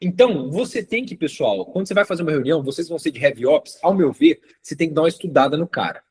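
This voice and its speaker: Husky-voiced man teaching a casual class. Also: on the high side, lively intonation, fast talker, darkish tone. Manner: conversational, frequent tag questions and acted client dialogue. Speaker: course instructor. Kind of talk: casual online class lecture.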